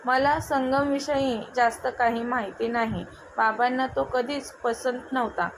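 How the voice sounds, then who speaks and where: A woman voicing a frightened young bride of twenty, speaking softly and hesitantly. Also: high-pitched, fairly even intonation, unhurried, poor audio. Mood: fearful. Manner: soft, hesitant. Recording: noticeable background noise.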